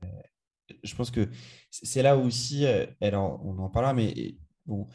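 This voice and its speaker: Mellow-voiced man chatting enthusiastically. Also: fairly low pitch, expressive, moderate pace. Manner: enthusiastic, rambling with restarts. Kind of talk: casual chat.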